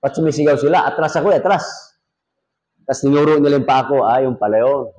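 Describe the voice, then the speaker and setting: A man's voice: mid-range voice, fast, a little mellow, muffled recording. A man, a pastor, teaching a Sunday school Bible lesson in a joking conversational way, talking straight to his class. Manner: jokey, talks directly to the class.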